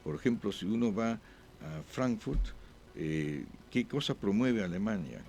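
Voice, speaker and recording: Gravelly low-voiced man, halting speech. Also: expressive, a little mellow. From born abroad. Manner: halting, frequent "eh" pauses and restarts. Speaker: guest diplomat. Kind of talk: conversational interview answers.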